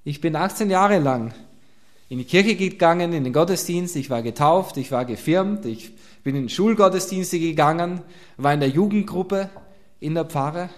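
A man preaching a sermon, earnest and emphatic, asking his listeners direct questions and dropping to a quiet voice at times. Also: on the high side, moderate pace.

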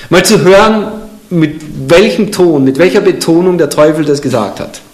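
A man's voice: fairly high pitch, expressive, moderate pace. A man preaching a sermon, reading scripture aloud and putting questions directly to his listeners. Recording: echoey room.

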